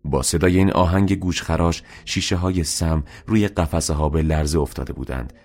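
A man reading a novel aloud as an audiobook narrator, in a steady, measured way. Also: very deep voice. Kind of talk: scripted narration.

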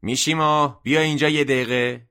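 A man's voice: deep voice, sing-song, a bit bright, exaggerated voice. A man voicing a scornful, gloomy middle-aged woman shopkeeper in a story. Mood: calling out.

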